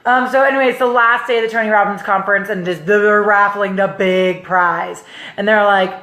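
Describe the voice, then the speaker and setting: A young woman coach telling a personal story to camera in a casual, animated way. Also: medium pitch, brisk. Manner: animated, chatty, acts out others' voices. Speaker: life coach. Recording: echoey room.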